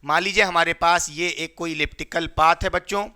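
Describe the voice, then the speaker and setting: Bright, high-voiced male physics teacher. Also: fairly even intonation, brisk, clear, resonant tone. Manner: repeats questions to students and answers them, call-and-response; playful, jokes with students. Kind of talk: classroom lecture.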